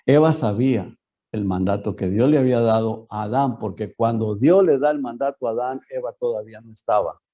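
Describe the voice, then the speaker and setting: A man's voice: medium pitch, brisk, mellow. A man preaching a Bible lesson as pastor in a church, often turning to the congregation with rhetorical questions.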